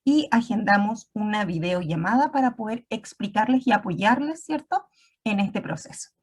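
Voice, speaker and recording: A woman's voice: medium pitch, animated, normal speed, slightly rough. A woman teacher giving an online class, explaining step by step and often checking in with her students.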